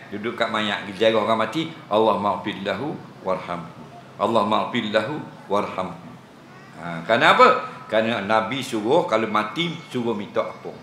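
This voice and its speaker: Jovial preacher with Terengganu Malay accent. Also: male voice, medium pitch, bright, forceful tone, slight background noise. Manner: jovial and teasing, laughs often. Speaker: religious teacher. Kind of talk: evening mosque lecture. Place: village prayer hall. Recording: echoey hall with faint ambience.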